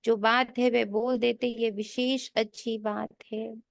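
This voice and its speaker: A woman spiritual teacher giving a sermon, slowly repeating key lines for emphasis and mixing in English phrases. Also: fairly high pitch, little pitch movement, creaky, no echo. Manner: mixes English phrases into her talk. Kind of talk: sermon explaining a daily scripture reading.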